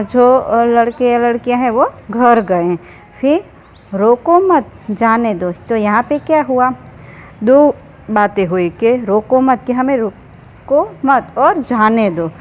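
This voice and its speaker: A woman teaching a school grammar lesson, who explains slowly and asks questions she then answers herself. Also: medium pitch, a little mellow. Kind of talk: online Hindi grammar lesson. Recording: slightly dull recording with faint background noise.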